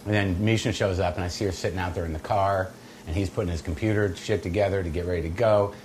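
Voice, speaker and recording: A middle-aged American man with a fairly low voice talks casually as he cooks and tells stories. His delivery is wry, blunt and salty, like someone chatting to a friend. Clear kitchen noise sits behind him. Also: fairly even intonation, fast, darkish tone. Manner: wry, blunt, profane, conversational. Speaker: host of a comedy cooking show. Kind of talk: casual cooking demonstration with anecdotes.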